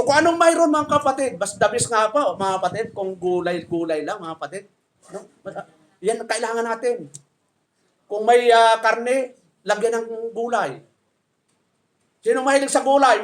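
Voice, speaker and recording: A man's voice: very high-pitched, a bit bright. A middle-aged man with a Filipino accent, a pastor preaching a sermon in a joking, conversational way and asking the congregation questions.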